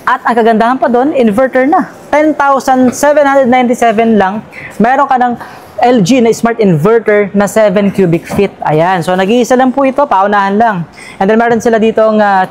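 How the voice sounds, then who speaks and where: A woman's voice: fairly high pitch, darkish tone, slight background noise. A woman with a Filipino accent, recording a casual walkthrough vlog. She talks in a chatty, upbeat way and reads out price after price. She leans on fillers and tag questions. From Philippines. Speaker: vlogger touring a store sale. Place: large indoor furniture store sale.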